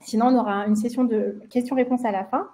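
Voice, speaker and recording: A woman's voice: a little high, fairly even intonation, fast, mellow. A woman with a French accent hosting a live webinar, with lots of fillers and restarts and a slight frog in her throat. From France. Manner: many fillers, hesitant restarts. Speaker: webinar host, marketing manager.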